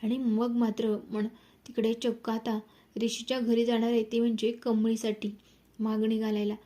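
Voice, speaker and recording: Woman storyteller recapping a serial episode, slightly high voice, mellow and fairly flat. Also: normal speed. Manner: dramatic storytelling, addresses the audience. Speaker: narrator.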